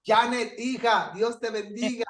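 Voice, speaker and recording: High-voiced, animated man teaching a Bible class. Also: measured pace, echoey room. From Paraguay. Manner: storytelling, animated, laughs often. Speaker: pastor teaching an online class. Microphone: video call.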